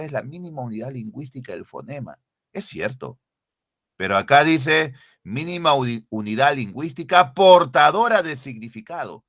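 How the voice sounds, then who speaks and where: Lively, bright-voiced male teacher. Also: a little high, no room sound, studio quality. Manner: repeats key definitions, quizzes students directly. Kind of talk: online exam-prep class. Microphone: computer mic, screen sharing.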